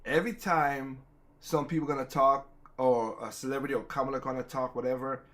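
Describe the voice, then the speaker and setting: A man's voice: mid-range voice, steady tone, fairly quick, a bit bright. A man hosting a casual political talk show, rambling with many restarts and growing heated. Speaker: podcast host.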